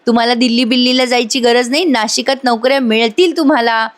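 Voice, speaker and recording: A playful young husband as a woman puts him on, upbeat and persuasive. The voice sits a bit high. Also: fairly even intonation, fast, close to an everyday voice.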